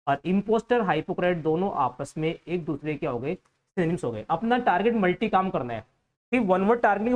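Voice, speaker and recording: An Indian-accented man teaching English vocabulary for competitive exams. He explains each word patiently, repeats it, and spells it out letter by letter. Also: high voice. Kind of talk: vocabulary lesson for exam students.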